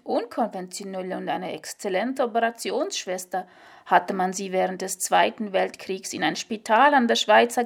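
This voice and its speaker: Slow, measured woman reading a story. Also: mid-range voice, vocal fry.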